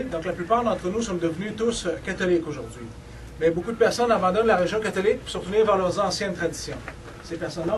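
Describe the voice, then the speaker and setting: A cultural tour guide from Côte-Nord, Quebec, speaking with a Quebec French accent, leads visitors while joking and playfully teasing them as he explains. His voice sits high for a man. A camera some distance away captures him, with a loud wash of room noise behind.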